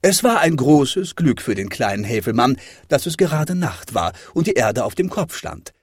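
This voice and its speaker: A man reading a children's fairy tale aloud with expressive, dramatic delivery. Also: medium pitch, normal speed, husky, no room sound, clean studio sound. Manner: lively, dramatic rises and falls. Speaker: storyteller.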